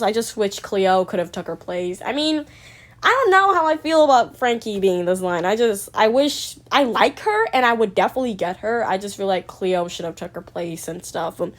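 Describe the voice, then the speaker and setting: A young woman in a casual review chat, rambling and hesitant with many fillers and restarts, candid and opinionated. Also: mid-range voice. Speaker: doll collector vlogger.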